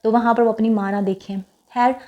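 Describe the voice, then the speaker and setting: A woman's voice: fairly high pitch, fairly even intonation, brisk, lo-fi sound. A young woman from Pakistan narrating her vlog in a casual, chatty way, reflective and a little wistful, with frequent fillers. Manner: speaks softly and wistfully about her late mother. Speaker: vlogger.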